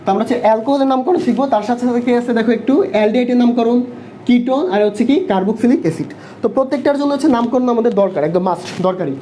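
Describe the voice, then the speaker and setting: A young man teaching an online chemistry class, asking quick questions and answering them himself. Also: very high voice, mellow, a little hiss or hum. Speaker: chemistry tutor. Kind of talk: online live class lecture. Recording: dull lo-fi online class audio.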